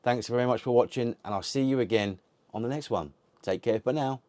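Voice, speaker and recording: The retro gaming host here has a medium-pitched, slightly mellow voice, talking fairly quickly on a dry recording. It's a rambling, casual unboxing chat to camera, full of swearing and restarted sentences.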